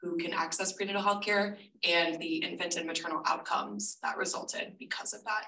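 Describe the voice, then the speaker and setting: This woman, a senior thesis student in her twenties, talks casually and warmly about her research at an info session, at a moderate pace and steady tone. Her fairly low voice is bright and forceful. Faint noise, room echo, and a distant mic mark the recording.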